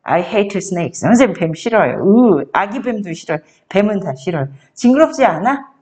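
A woman tutoring a child one-on-one, coaxing the child along and reading sentences out slowly before explaining them. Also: mid-range voice, big pitch swings, darkish tone.

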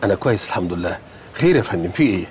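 A jovial company boss with an Egyptian accent. His low voice bounces lively and quick as he jokes genially. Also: slight background noise. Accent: Egyptian Arabic. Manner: genial, joking, chuckling. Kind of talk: sitcom acting.

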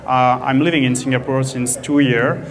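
A man in his thirties from France with a French accent, giving an earnest, halting talk into a handheld mic in an event room. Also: mid-range voice, steady tone. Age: 30s. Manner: earnest, halting, with many fillers. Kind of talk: presentation talk to an audience. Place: event room with a stage and projector screen. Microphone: handheld microphone.

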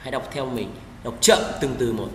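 A man with a Vietnamese accent teaching English pronunciation, repeating each word slowly and spelling out its sounds. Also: medium pitch, slight background noise. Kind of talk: slow pronunciation drill. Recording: echoey room with long reverb.

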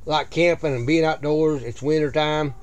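A man giving a casual walkthrough of his small greenhouse, plain-spoken and listing things with frequent "uh" pauses, recorded on a head-mounted camera. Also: a little high, steady tone, smooth. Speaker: video creator giving a greenhouse tour. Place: small greenhouse at night, indoors. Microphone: head-mounted action camera.

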